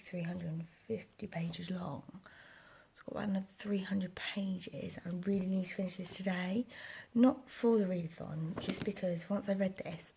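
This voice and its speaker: A woman's voice: on the low side, mellow, a little hiss or hum. A young woman in her twenties whispering a casual home vlog with a slight sore throat, rambling with lots of fillers and restarts. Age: 20s. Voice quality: whispering, breathy. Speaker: vlogger. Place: home, indoors. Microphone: close camera.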